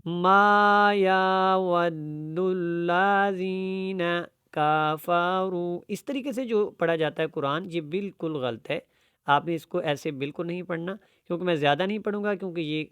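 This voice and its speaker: A male Quran teacher gives a tajweed lesson, recorded dry and close with no room sound. His voice is smooth and resonant. He moves between brisk explanation and slow, stretched-out recitation. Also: on the high side, dry recording. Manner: explains quickly, then recites verses slowly and drawn out.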